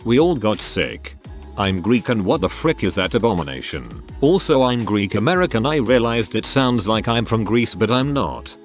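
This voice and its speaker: A man reading out a series of short stories as scripted narration. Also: on the low side. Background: faint music.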